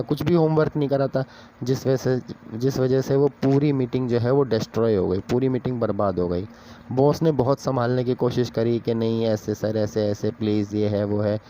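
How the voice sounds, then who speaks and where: A man's voice: medium pitch, mellow, a little hiss or hum. A man casually telling an office story aloud, acting out the characters' dialogue in a chatty way. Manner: chatty, acts out dialogue with raised voice.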